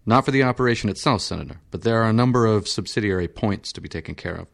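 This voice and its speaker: In an audiobook reading, a male narrator voices an unflappable surgeon who explains things in a flat, measured, formal way with infinite patience. The voice sits low for a man, is creaky, and shows little feeling.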